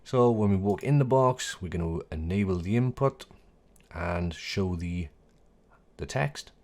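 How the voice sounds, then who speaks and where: Deep-voiced man chatting through a tutorial. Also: expressive, measured pace, darkish tone. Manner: chatty, self-correcting, jokey asides. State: voice going a bit hoarse. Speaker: tutorial host. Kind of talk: casual screen-recorded tutorial.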